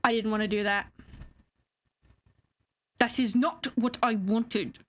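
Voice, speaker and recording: A woman's voice: on the high side, steady tone, slow, fairly bright tone. A young adult woman streamer in a live-stream gaming chatter, giggly and playfully melodramatic.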